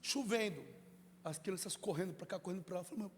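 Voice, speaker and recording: A male pastor preaching a sermon, acting out dialogues and building to shouts, in a church. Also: high voice, fast, a little hiss or hum. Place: church sanctuary. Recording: reverberant church hall.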